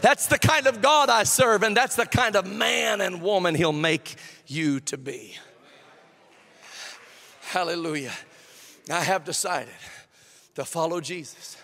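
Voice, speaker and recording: A man in his forties preaching a sermon, swinging from impassioned shouting and half-sung lines to soft, low, confiding passages. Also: gravelly. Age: 40s.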